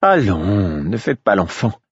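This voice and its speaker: A man's voice: lowish voice, big pitch swings, slow, slightly rough, no room sound, lo-fi sound, pitched above the performer's own voice, heavily acted. A man reading aloud and voicing a wry young woman minstrel who teases and coaxes in a lightly mocking way. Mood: teasing. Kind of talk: audiobook reading.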